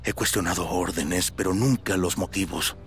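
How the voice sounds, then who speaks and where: Man acting deep, weary old war veteran. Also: fairly even intonation, moderate pace, slight background noise, natural voice. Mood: bitter. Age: older. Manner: grave, resigned. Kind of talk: cinematic game acting.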